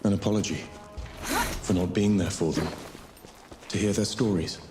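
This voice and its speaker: A man voicing an ancient male spirit companion who speaks in a measured, formal and grave way. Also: sits low, natural voice. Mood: solemn. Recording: roomy echo over game music.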